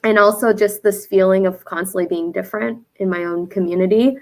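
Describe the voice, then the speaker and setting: Earnest and reflective, this brand founder answers interview questions using soft fillers, her medium-pitched voice steady and brisk. She is from the United States, and Vietnamese was her first language.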